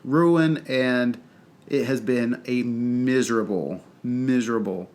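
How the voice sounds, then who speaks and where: Slow and darkish in tone, this medium-pitched Southern voice belongs to a North Carolina podcast co-host with a stuffy, congested nose. He rambles chattily through casual conversation, leaning on plenty of fillers.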